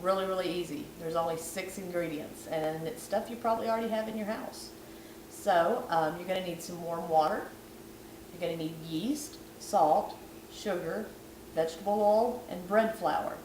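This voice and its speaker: A vlogger whose voice is going gives a chatty, self-deprecating cooking tutorial in her home kitchen at night. She speaks at a moderate pace in a lowish register. The sound is echoey, with background noise, and she's far from the camera.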